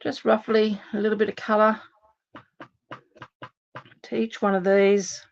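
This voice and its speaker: An Australian woman hosts a casual live card-making demonstration, chatting and thinking aloud to viewers as she works. She's slightly losing her voice, so it sounds a little worn, medium-pitched, level, and unhurried, with vocal fry. The highs are cut off.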